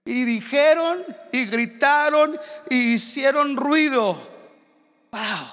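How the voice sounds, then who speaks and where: Male preacher, bright, piercing tone, impassioned sermon delivery. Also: extremely high pitch, lively intonation, slow pace, big-room sound. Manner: impassioned, shouting exhortations, swinging from loud to hushed.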